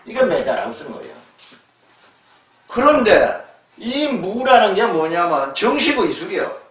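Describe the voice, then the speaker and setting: A man's voice: sits high, big pitch swings, a little slow, fairly bright tone. A man giving an emphatic, scolding lecture, often tagging rhetorical questions onto his points. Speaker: lecturer on word origins. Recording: echoey room, voice far from mic.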